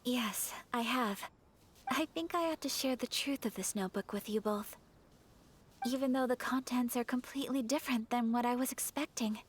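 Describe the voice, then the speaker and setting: Actress as a courteous young noble lady, soft and breathy, slightly high. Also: moderate pace, slight background noise, natural voice. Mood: earnest. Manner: formal and courteous. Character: graceful, polite young noblewoman. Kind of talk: game voice acting.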